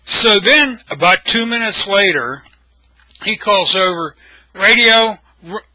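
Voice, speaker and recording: This storyteller and video blogger is an older American man whose voice sits high and sounds sharp. He spins casual anecdotes with blunt, wry, salty humor, captured on a dry, rough recording.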